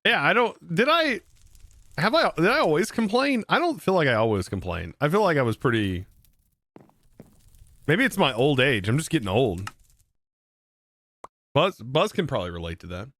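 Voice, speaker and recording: A live streamer from the United States, a man in his thirties, rambles and jokes with his chat between actions while playing a game. His voice is a little high with big pitch swings, normal speed, long pauses and a fairly bright tone, recorded dry.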